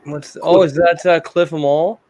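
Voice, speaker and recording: A man's voice: fairly high pitch, steady tone, moderate pace, darkish tone. A man in his forties chatting casually on a livestream, easygoing and profane. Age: 40s.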